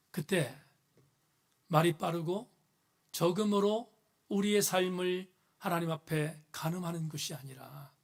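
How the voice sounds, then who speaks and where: A man's voice: sits high, creaky. A man preaching a sermon as pastor in a church, with earnest, emphatic rising phrases.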